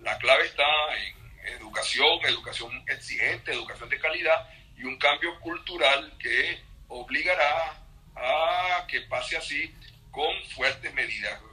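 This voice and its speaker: A man speaking with a strikingly bright, forceful tone, his voice sitting somewhat high for a man. He tells stories with animation, slipping into the voices of the people he quotes. He joins the interview remotely, as over a call. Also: a little slow, rough recording. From Venezuela. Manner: animated storyteller, acts out quotes. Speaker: interview guest. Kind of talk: conversational interview.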